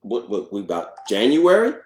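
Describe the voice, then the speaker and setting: A man's voice: fairly low pitch, huge pitch swings. A man co-hosting a casual live stream, playful and sarcastic in his replies. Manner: sarcastic, playful, drawn-out delivery. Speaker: co-host of a couple's live stream. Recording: roomy echo.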